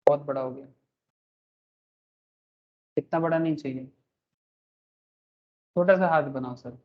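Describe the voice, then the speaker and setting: A man's voice: on the high side, a little slow, highs cut off. A male teacher giving a tax class online, joking at his own drawings, calling his students "sir" and mixing in English terms. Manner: joking, self-mocking, calls students "sir".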